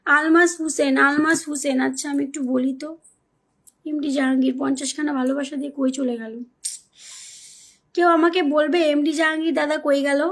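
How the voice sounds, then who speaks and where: Woman, high voice, live-stream host, chatty, coaxing, repetitive. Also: flat delivery, moderate pace. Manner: pleading, coaxing viewers, repeats names and phrases. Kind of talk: casual live-stream chat reading comments.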